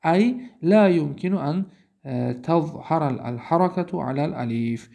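A man's voice: on the high side, lively intonation, creaky, mellow. A man with a Tajik accent teaching Arabic grammar in a recorded lecture. He explains step by step and asks and answers his own questions.

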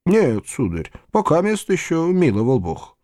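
A man voicing humble old peasant men who plead in drawn-out, beseeching tones. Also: on the high side, wildly swooping pitch, mellow, no echo, studio quality, voice pushed up. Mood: plain-spoken. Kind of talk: audiobook character voice.

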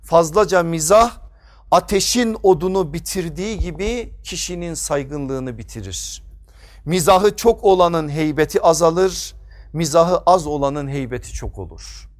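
A man with a high voice preaches into a pulpit microphone. His delivery is emphatic and rhetorical. He builds his points through repeated phrases and through questions that he answers on his own. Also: expressive, a little slow.

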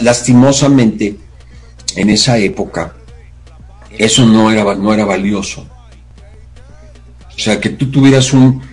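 A middle-aged man with a Mexican accent, a talk show guest telling childhood stories in a casual, animated way and acting out voices. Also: on the low side, poor audio. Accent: Mexican Spanish. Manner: animated, acts out voices in his anecdotes. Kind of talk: casual storytelling chat.

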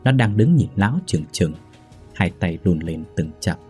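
A man narrating a dark story in a grave, measured voice. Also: sits low, animated, soft background music.

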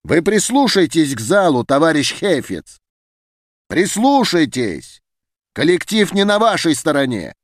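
A man reading an audiobook, voicing a stern male official who speaks coldly and deliberately. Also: on the high side, sing-song, dry recording, clean studio sound, pitched above the performer's own voice. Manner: cold, deliberate, authoritative. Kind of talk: audiobook character voice.

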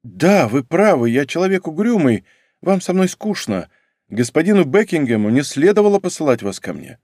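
A man voicing an earnest, reserved young nobleman in an audiobook, speaking quietly and sincerely. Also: a little high, very animated, moderate pace, dry recording, studio quality, voice pushed up. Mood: subdued.

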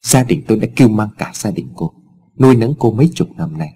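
A man's voice: fairly low pitch, lively intonation, a little fast, dark tone, breathy edge. A man voicing a stern, scheming wealthy father who talks in curt, scornful commands, in a storybook reading. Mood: harsh.

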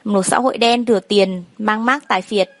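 A woman's voice: mid-range voice, steady tone, normal speed, slight background noise, close to an everyday voice. A woman voicing a mocking male gangster who taunts a young woman, in a condescending way. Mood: taunting.

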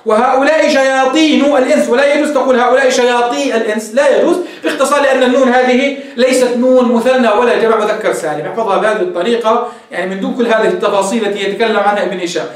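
A man's voice: extremely high pitch, very fast. A man teaching a grammar lesson, reading from a text and explaining it step by step in a mix of formal and colloquial speech. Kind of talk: recorded lecture. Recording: echoey room, distant mic.

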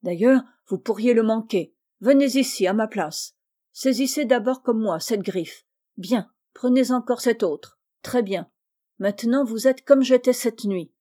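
A frantic woodcutter shouting for help in a storybook tale, as a woman reader puts him on. The voice is raised and pleading, mellow in tone. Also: fairly high pitch, a little slow. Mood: eager scheming. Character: desperate grown man, a trapped woodcutter.

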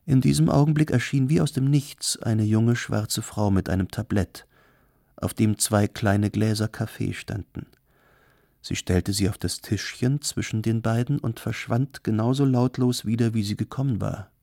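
A man reading a novel aloud as narrator, in measured storytelling. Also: lowish voice, steady tone, creaky, mellow, dry recording, clean studio sound. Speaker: audiobook reader. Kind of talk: scripted narration.

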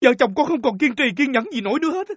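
A woman playing an anxious rural father who pleads quickly. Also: high-pitched, animated, slightly rough, dry recording. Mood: pleading.

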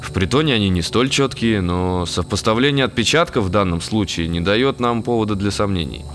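A man's voice: lowish voice, fairly quick, soft background music, lightly acted. An actor playing a precise, deferential male forensic expert delivering an official report in a drama. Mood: formal, certain.

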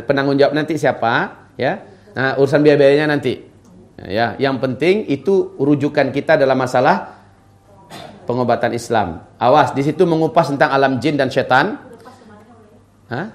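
At medium pitch, a middle-aged Islamic preacher gives a relaxed religious talk and responds to questions from listeners. Much of what he says is aimed directly at the women in the audience.

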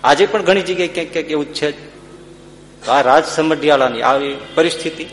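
A man spins a dramatic folk tale with a fairly high voice, his delivery vivid and swelling into loud bursts at the tense moments. He is heard in an echoey hall with a long reverb tail, over a faint hum. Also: a little fast. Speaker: storyteller. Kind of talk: dramatic folk storytelling discourse.

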